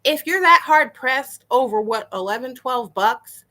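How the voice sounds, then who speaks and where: A woman's voice: sits high, animated, a little slow, sharp tone. A woman delivering an indignant, profanity-filled rant straight to the camera. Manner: swearing, indignant, emphatic. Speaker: vlogger.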